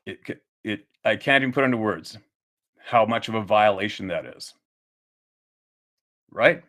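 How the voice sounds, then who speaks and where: His voice is lowish, unhurried, and sharp-toned as he delivers an angry, foul-mouthed rant to his audience. The anger escalates, and he emphatically repeats himself and restarts sentences partway through.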